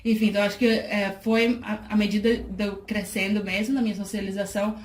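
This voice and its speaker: A woman talks through her answers at an easy, reflective pace, pausing and restarting as she thinks. The room around her is echoey, with a faint hiss under the voice. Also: medium pitch, flat delivery. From Salvador, Bahia, Brazil. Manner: thoughtful, many fillers and restarts, laughs easily. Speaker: guest, charity project worker. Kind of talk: casual interview talk.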